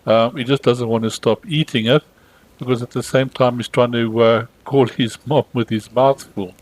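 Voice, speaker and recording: Man, mid-pitched voice, calm voice-over, gentle explaining, a few ums. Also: normal speed, no echo, rough recording. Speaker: animal sanctuary narrator. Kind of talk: voice-over narration of a wildlife rescue video.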